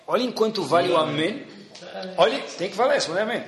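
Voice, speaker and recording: Um professor religioso com sotaque brasileiro, contando histórias de forma animada e com piadas numa aula. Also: male voice, high-pitched, quick pace, echoey room. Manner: lively storyteller, jokey asides. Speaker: religious teacher. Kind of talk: religious class with stories and jokes.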